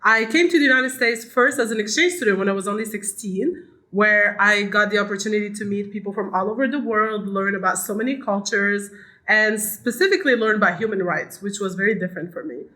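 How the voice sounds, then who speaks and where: Bright-voiced woman guest. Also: medium pitch, brisk. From Algeria. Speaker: guest, PhD student. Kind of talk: casual interview talk.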